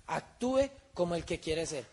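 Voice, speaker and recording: A man's voice: on the high side, expressive, measured pace. A man giving a motivational seminar talk, firing rhetorical questions at his audience. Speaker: seminar speaker.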